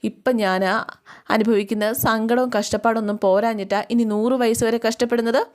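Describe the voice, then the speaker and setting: A woman's voice: a little high, steady tone, moderate pace, a little mellow, natural voice. A woman voicing an unhappy young wife who speaks plaintively and wearily. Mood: sorrowful. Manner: plaintive, complaining.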